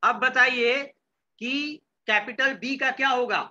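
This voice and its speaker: A computer science teacher from Bihar, India, gives a classroom lecture in Hindi sprinkled with English terms, his very high voice bright and forward. He speaks slowly with a steady tone, constantly quizzing students and repeating their answers. The recording is dull and lo-fi.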